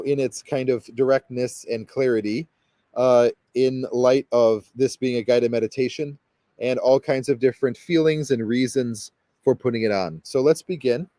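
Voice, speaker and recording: A man leads a guided meditation in a mellow, relaxed voice of middle pitch. He rambles and hesitates, circling back on himself with fillers and restarts. The recording is dry and close, with no room sound. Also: dry recording. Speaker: spiritual guide leading a meditation.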